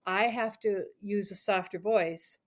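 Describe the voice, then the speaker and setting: A middle-aged woman who works as a parent coach speaks as a podcast guest, giving earnest advice and sometimes dropping into a soft whisper to demonstrate. Her voice is mid-range, fairly even in intonation, and a little slow.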